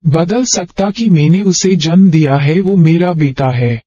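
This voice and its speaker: A man reading the part of an angry, proud mother who runs a wealthy household, scolding in a sharp tone. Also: fairly high pitch, unhurried, no room sound. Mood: bitter. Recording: dry, dull lo-fi.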